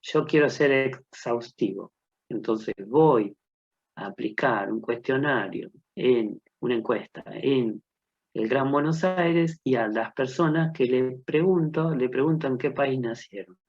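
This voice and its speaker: A man's voice: medium pitch, a little slow, muffled recording. A man gives a recorded methodology lecture, thinking aloud through rhetorical questions and worked examples.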